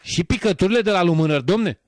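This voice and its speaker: A man's voice: high voice, lively intonation, slight background noise, pitched above the performer's own voice. A man doing a prying tax inspector. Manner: prying, pushy questioning. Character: fussy male tax inspector, prying and suspicious.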